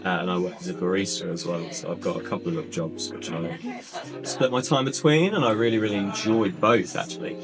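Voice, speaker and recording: A young man in his twenties, a climbing instructor guest, talking in an animated, joking way at a climbing centre. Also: sits low, fairly quick. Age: 20s. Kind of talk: casual interview. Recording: guitar music behind.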